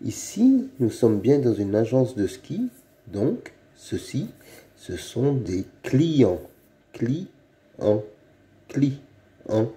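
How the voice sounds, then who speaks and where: A man giving a slow phonics reading lesson for young children, saying each word several times over. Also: mid-range voice, very animated, dark tone. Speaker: reading teacher.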